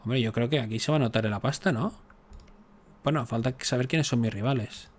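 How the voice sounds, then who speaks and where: Briskly and at an ordinary mid pitch, a gaming YouTuber covers his strategy game in relaxed let's-play commentary. He keeps up a stream of chat and jokes, with the occasional exasperated aside thrown at the game.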